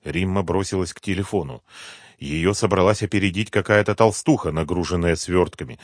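A man narrating an audiobook in a calm, even storytelling manner. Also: sits low, brisk, dry recording, clean studio sound. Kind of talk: scripted narration.

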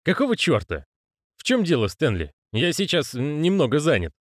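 A man's voice: a little high, wildly swooping pitch, moderate pace, no echo, studio quality, voice pushed up. A male reader voicing a jittery young conman who talks in a raised, flustered, protesting way. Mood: irritable. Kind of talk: audiobook character reading.

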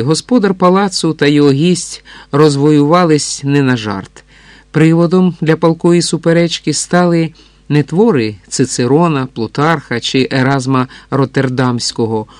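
A man reading historical fiction aloud in a calm, even scripted narration. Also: medium pitch, no room sound. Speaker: audiobook narrator.

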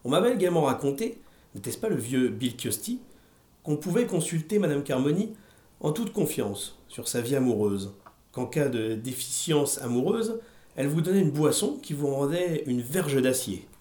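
A man co-hosting a podcast, reading a book passage aloud in a steady, deliberate way. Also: medium pitch. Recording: echoey room.

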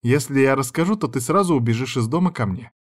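A man voicing a calm, dry, teasing woman who is the narrator's boss on the phone. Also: mid-range voice, quick pace, lightly acted.

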